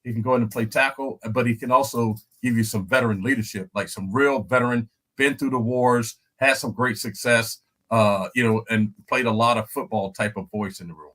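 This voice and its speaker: A man's voice: mid-range voice, fairly even intonation, fairly quick, few pauses, pushed and bright. An older man, a former lineman, talking casually and with animation, repeating himself and asking "you know what I'm saying". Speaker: guest analyst, former NFL lineman. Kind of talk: casual podcast commentary.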